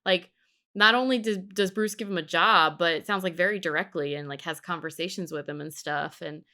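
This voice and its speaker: A woman's voice: on the low side, fairly quick, sharp tone. A woman co-hosting a podcast, talking casually and thinking aloud as she discusses a show. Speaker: podcast co-host. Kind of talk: casual discussion of an animated series.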